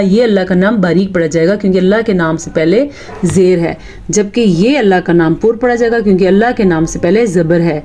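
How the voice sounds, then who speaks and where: A woman teaching Quran recitation in a Pakistani Urdu accent, chanting verses slowly and then explaining pronunciation rules and correcting common mistakes. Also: on the low side, mellow. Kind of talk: tajweed lesson.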